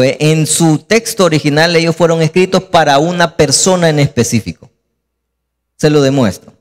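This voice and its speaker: A man preaching a sermon as pastor, lively and acting out scenes. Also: fairly high pitch, long reverb tail.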